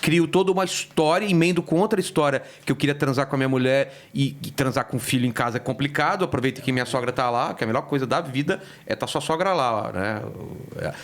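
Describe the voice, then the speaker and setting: Fast-talking man telling comic stories. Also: medium pitch. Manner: animated storytelling, acts out quoted voices. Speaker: comedian. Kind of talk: casual podcast chat. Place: podcast studio.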